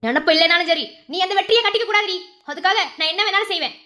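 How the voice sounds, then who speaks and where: An overbearing scolding mother, very high, rapid-fire, bright voice. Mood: harsh. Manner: scolding, harsh. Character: domineering mother forcing her daughter's marriage. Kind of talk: TV serial acting.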